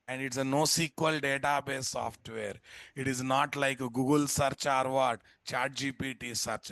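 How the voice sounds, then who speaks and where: Indoors at a computer during a live screen-share class, a software instructor with a Telugu Indian accent speaks at medium pitch with a fairly bright tone and no room sound. He lectures informally and bluntly, repeating himself and tossing out rhetorical questions.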